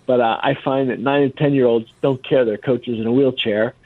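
A man's voice: mid-range voice, steady tone, fairly quick, no echo. A man from the United States chatting casually as a caller to a radio call-in show over the phone. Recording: tinny, dry phone line.

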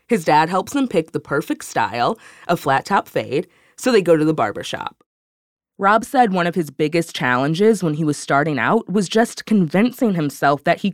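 A woman's voice: fairly low pitch, no echo, clean studio sound. A woman hosting a podcast, delivering scripted narration in a friendly storytelling manner. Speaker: podcast host.

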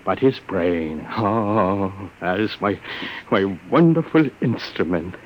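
An actor playing a proud, secretive professor who stammers fussily, his voice husky, in an old radio drama. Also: sits low, very animated, takes it slowly, muffled recording, slight background noise, full character voice. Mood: proud, guarded. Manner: stammering, fussy, indignant. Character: flustered, proud male professor, secretive inventor. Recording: vintage radio recording.

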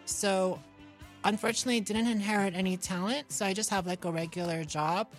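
A woman from New York, United States, chats casually as an interview guest, speaking fairly quickly in a steady, mid-range voice over soft background music. She comes across as guileless and self-deprecating, using simple words.

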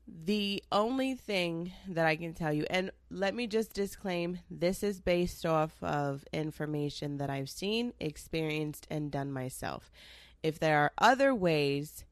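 A young woman with a lowish voice hosts her own casual solo podcast, chatting and rambling with plenty of asides and the occasional curse. A cold makes her sound a little nasal, and the audio is studio quality with no room sound.

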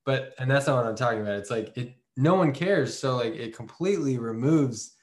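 A man hosting a podcast in casual interview chat, musing in a relaxed way and swearing casually. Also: medium pitch, a little fast. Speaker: podcast host. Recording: roomy echoey sound.

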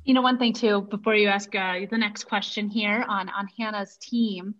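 A woman's voice: medium pitch, steady tone, moderate pace, a bit bright. An American woman co-hosting a podcast, chatting casually with a friendly, giggly manner. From United States. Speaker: podcast co-host. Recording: dull lo-fi sound.

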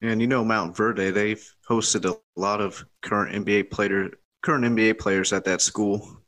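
Lowish-voiced man hosting a sports podcast. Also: steady tone, normal speed, a bit bright. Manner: upbeat scripted intro, then plain questions. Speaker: podcast host. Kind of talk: casual sports podcast chat.

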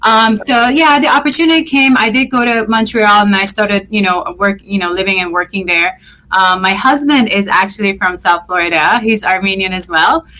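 A woman's voice: medium pitch, normal speed, bright, forceful tone, rough recording. A woman in her thirties from Lebanon, a guest accountant telling her story in a friendly way with many fillers. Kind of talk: casual interview.

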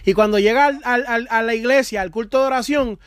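A man's voice: very high voice, fairly quick, a bit bright, no echo, studio quality. A man who works as a minister, telling a personal story in an earnest, conversational way during a faith talk. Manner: conversational, earnest, with fillers like "mano".

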